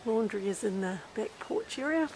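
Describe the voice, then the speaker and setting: A woman's voice: on the high side, lively intonation, a little mellow, slight background noise, low-quality recording. New Zealand woman touring a rental. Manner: plain, listing features one by one with brief pauses. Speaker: rental property agent. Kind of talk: unscripted property walkthrough narration. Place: inside and around a small empty house.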